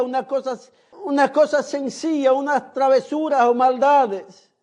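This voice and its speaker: A male pastor preaching a sermon in a slow, emphatic manner that sometimes rises to a shout. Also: very high voice. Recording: dull lo-fi recording.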